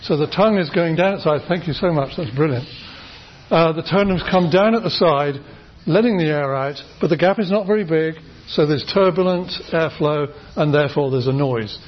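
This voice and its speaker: A British man lectures on phonetics to a class, patiently explaining and demonstrating sounds, with plenty of fillers and restarts. His voice sits a little high and sounds husky. The recording of the lecture room is dull and lo-fi. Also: moderate pace. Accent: British English. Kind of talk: university lecture.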